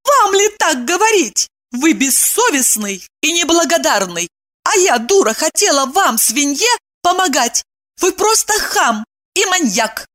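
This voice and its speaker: Brief: a woman reading a young indignant wife in a storybook, shrill and swooping, easily outraged. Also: very animated, measured pace, fairly bright tone, heavily acted. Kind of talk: audiobook dialogue reading.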